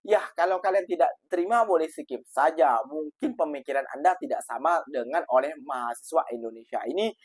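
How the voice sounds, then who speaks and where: A man's voice: a little high, no room sound. A man hosting a reaction video, talking in a chatty way to his viewers and calling them "geng" again and again. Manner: chatty, says "geng" constantly. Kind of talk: casual reaction commentary.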